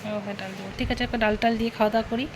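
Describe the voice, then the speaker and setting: A young woman chatting casually in a home vlog, sometimes speaking softly. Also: on the high side, fairly even intonation, racing, background noise. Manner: chatty, talks softly at times. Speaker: vlogger.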